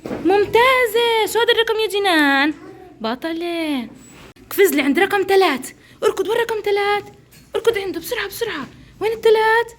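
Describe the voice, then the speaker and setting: A woman's voice: very high voice, animated, brisk. A woman teacher, coaxing and praising young children through a counting game. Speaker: preschool teacher.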